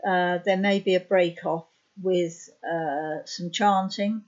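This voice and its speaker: Woman in her 50s, sore throat, low voice, slow hesitant talk, dull lo-fi recording. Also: steady tone, darkish tone. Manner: slow and hesitant, many ums and uhs. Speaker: trance medium. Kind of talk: explanatory talk to camera. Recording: dull lo-fi sound.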